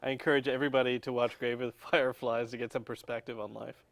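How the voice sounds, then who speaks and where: A young man co-hosting a casual chat, giving blunt, curt, deadpan answers. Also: medium pitch, fast talker, vocal fry, no room sound. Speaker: co-host.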